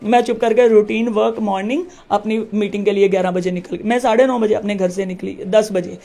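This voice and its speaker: Woman, village head, emphatic retelling, gravelly voice. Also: mid-range voice, steady tone, fairly quick, dark tone. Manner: emphatic, acts out quoted dialogue. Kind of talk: recounting an incident in an interview.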